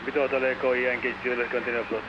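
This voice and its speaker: A man working as tower controller, heard over an aircraft's headset radio with a flat, rapid delivery. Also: mid-range voice. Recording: distant muffled radio with engine noise.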